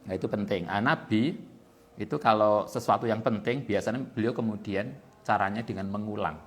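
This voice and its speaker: Male religious teacher, Javanese accent, low voice, chatty lecturing with word-by-word glosses. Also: normal speed. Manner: explains in plain talk with Javanese word-by-word glosses of Arabic text, many fillers. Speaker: kitab teacher at an Islamic boarding school. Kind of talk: relaxed religious lesson. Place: boarding school study hall.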